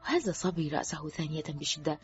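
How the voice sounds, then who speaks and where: A woman narrating an audiobook of a novel in a lively, expressive reading. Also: low-pitched, fast talker. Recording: dull lo-fi with faint music.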